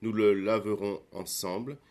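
Man reading as a grieving hero, slow and solemn, lower-pitched storyteller voice. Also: steady tone, darkish tone. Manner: solemn, earnest pleading. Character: grieving noble Greek hero, humbled.

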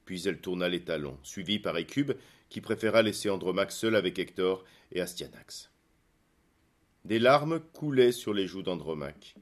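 A man reading a serialized story aloud, with calm, expressive scripted narration. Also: deep voice, brisk.

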